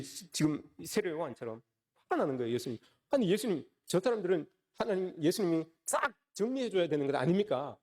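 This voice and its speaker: A man's voice: a little high, darkish tone. A man preaching a Sunday sermon as a pastor, often calling out to the congregation with rhetorical questions. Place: church service.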